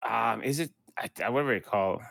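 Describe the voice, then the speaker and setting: A man's voice: mid-range voice, quick pace, gravelly, a bit bright, dry recording, studio quality. A man co-hosting a casual gaming podcast, giving blunt, dismissive opinions. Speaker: podcast co-host.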